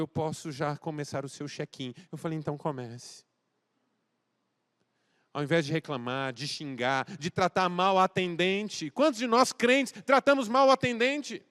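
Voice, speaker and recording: A Brazilian male pastor preaches a sermon, swinging from loud exhortation to quiet, intimate address and acting out dialogue within his story. His voice is high-pitched and his pace moderate.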